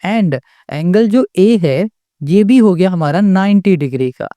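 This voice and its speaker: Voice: mid-range voice, expressive, slow pace, mellow, no echo. A maths tutor giving a step-by-step lesson. The tutor keeps asking the class rhetorical questions and checks in with "okay?" after each step, patiently restating points.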